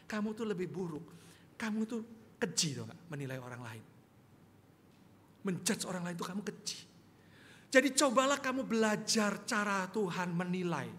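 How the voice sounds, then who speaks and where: A man's voice: high voice, a bit bright, slight background noise. A male pastor preaching a sermon in a conversational style, firing rhetorical questions at the congregation. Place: church sanctuary. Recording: reverberant church hall, faint ambience.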